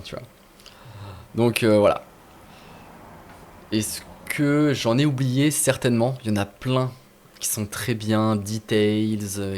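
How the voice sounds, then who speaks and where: A man casually walking viewers through game add-ons on screen, talking informally with many fillers and restarts. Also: lowish voice. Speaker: gaming video host. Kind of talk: casual screen-share tutorial.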